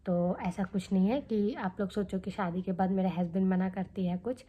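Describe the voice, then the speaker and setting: A woman's voice: mid-range voice, fairly even intonation, normal speed, dark tone. A young adult woman vlogging casually to the camera, chatty and candid, often checking in with her viewers as she talks. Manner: chatty, candid, tags lines with "theek hai" and "hai na".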